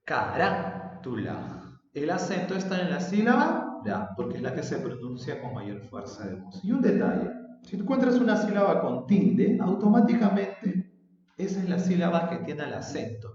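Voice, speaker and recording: A male secondary school language teacher speaks at normal speed in a slightly high, darkish, very animated voice while patiently explaining a recorded remote lesson and stretching out example words. The recording comes across as dull and roomy, distant with a long reverb.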